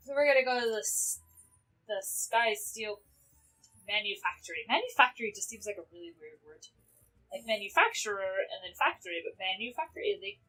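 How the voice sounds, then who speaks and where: A woman's voice: medium pitch, sharp tone, rough recording. A woman gaming YouTuber chatting casually as she plays, thinking aloud about quests. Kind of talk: casual game commentary.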